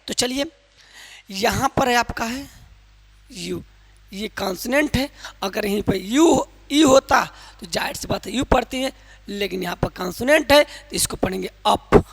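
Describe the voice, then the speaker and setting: A man teaching English pronunciation in a loud, emphatic classroom manner, quizzing his viewers with repeated questions. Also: very high-pitched, gravelly, in a large hall. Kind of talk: classroom lesson in Hindi with some English.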